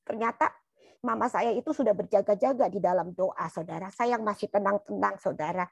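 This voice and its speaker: Husky woman giving an earnest church testimony. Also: medium pitch, a little fast, no echo. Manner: earnest, keeps addressing listeners as "brothers and sisters"; colloquial storytelling.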